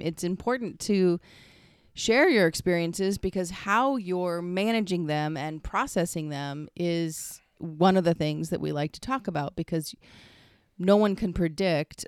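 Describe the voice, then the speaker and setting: A woman with a lowish, smooth voice talks through ideas in a relaxed podcast chat. She explains things thoughtfully and pauses to search for words. The sound is close and dry. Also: no room sound.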